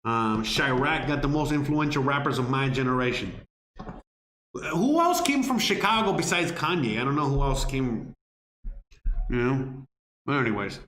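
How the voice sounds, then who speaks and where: Running a casual live Q&A for viewers, this Miami, United States man is blunt, swears a lot and keeps saying "you know what I mean" as he rambles. His mid-range voice is animated and a bit bright at a moderate pace, with roomy echo around it.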